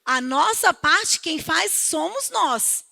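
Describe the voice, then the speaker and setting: High bright Brazilian woman preaching. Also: slow pace, gravelly. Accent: Brazilian Portuguese. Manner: animated, acts out quoted voices, swings between loud and hushed. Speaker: pastor. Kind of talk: lively sermon with storytelling.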